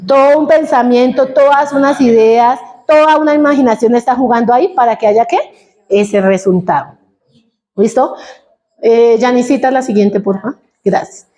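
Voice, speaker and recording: A woman preaching a sermon in church, animated, putting questions to the congregation. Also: on the high side, normal speed.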